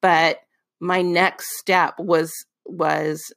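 A woman's voice: fairly low pitch, little pitch movement, extremely slow, vocal fry, a bit bright. A woman hosting a solo podcast, giving business advice in a chatty, loose way with folksy asides and frequent ums and restarts. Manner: folksy asides addressed to the listener. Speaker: podcast host.

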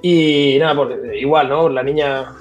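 A man's voice: fairly high pitch, steady tone, unhurried, faint music behind. A man in his thirties with a Spanish accent from Spain, chatting casually on a video call and rambling, repeating words. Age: 30s. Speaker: guest.

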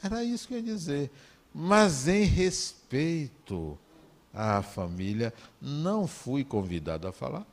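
Lively Brazilian man telling stories. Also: on the high side, unhurried. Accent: Brazilian Portuguese. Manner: animated, conversational, acts out dialogue. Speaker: speaker giving a talk. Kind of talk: anecdotal storytelling talk.

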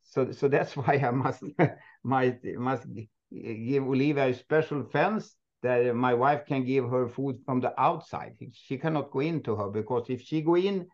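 Swedish man, halting English, muffled line. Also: medium pitch. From Sweden. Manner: halting non-native English, many restarts, laughs often. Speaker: moose park owner, guest. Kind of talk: casual interview.

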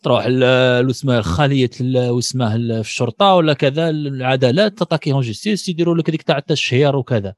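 A man with an Algerian accent making his points in an animated, argumentative casual discussion, piling up everyday examples. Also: mid-range voice, fast talker, few pauses, no room sound. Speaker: discussion participant.

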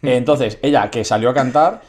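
A man tells a funny family story on a podcast. He talks casually and animatedly, jumping into other people's voices as he quotes them. His voice sits at an ordinary pitch. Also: normal speed, a little mellow. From Spain. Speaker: podcast co-host.

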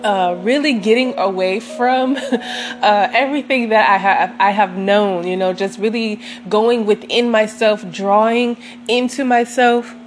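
Slow-talking, reflective woman over soft music. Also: medium pitch, fairly even intonation. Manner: reflective, meandering, gently self-affirming. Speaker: vlogger. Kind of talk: casual, unscripted personal chat to viewers. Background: soft sentimental music.

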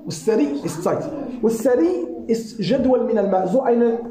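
A woman teaches a religious lesson in a warm, mellow voice, often asking her listeners questions. She switches into quick recitations of Arabic scripture. The room around her is roomy and echoey. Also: a little high, lively intonation. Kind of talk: religious lesson to a small audience.

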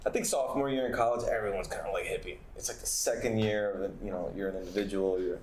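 A man's voice: fairly low pitch, fairly even intonation, quick pace, a little mellow. A young man in a casual group discussion, telling a story emphatically with many restarts. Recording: echoey room with faint background noise.

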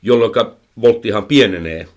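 Lowish-voiced man explaining horse training. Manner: explains at length, many "tota" fillers and repeated words. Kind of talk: casual explanatory chat. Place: indoors, recorded for a microphone.

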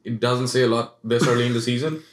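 A man's voice: mid-range voice, steady tone, quick pace. A man co-hosting a casual sports podcast, teasing and sarcastic. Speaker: podcast co-host. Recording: echoey room.

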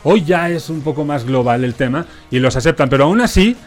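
A man from Spain with a softened Spanish accent, hosting a casual talk show and explaining points in a measured way. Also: on the high side, expressive, faint music behind. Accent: Spanish, softened toward neutral Mexican. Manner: explanatory, measured, often tags "¿no?". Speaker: host. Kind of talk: casual radio-style chat.

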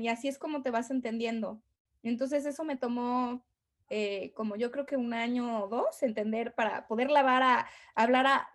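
Mexican woman, chatty podcast guest. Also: a little high. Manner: chatty, many fillers and restarts. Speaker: guest, tour guide. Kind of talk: casual podcast conversation.

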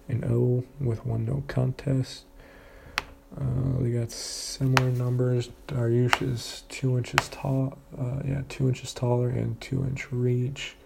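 A man's voice: medium pitch, gravelly, darkish tone, a little hiss or hum. A man casually previewing upcoming fights, talking in a hesitant way with many fillers and restarts. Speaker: fight predictions commentator.

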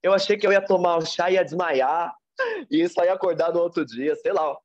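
A man with a Brazilian Portuguese accent, a podcast guest telling a personal story in a reflective, animated way. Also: fairly quick, muffled recording. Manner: animated, reflective storyteller with big pitch swings.

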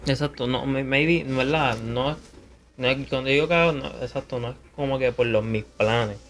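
A man's voice: medium pitch, normal speed, fairly bright tone, slight background noise. A man, a podcast guest talking casually and hesitantly, often restarting sentences. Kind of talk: casual conversation.

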